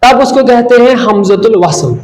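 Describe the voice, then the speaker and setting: Male language teacher in a classroom. High pitch, faint room noise, mixes in English phrases. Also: animated, normal speed, a little mellow, reverberant, poor audio. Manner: asks the class questions and answers them himself. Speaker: Arabic teacher. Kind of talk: classroom lesson at a whiteboard.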